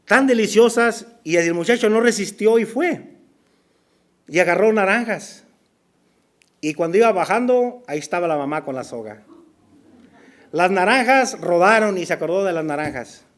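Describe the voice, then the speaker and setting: A man preaching a sermon as pastor, telling a story and acting out its dialogue, sometimes dropping to a hushed voice for emphasis. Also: sits high, animated, moderate pace, long pauses. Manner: storytelling, acts out dialogue, drops to near whisper for emphasis. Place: church.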